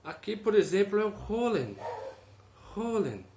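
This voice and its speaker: A man's voice: on the high side, unhurried. A man giving a casual video lesson, explaining step by step, often checking in with "ok?" and sounding out each vowel aloud. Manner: explanatory, tag questions, demonstrates sounds aloud. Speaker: teacher. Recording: echoey room, faint noise.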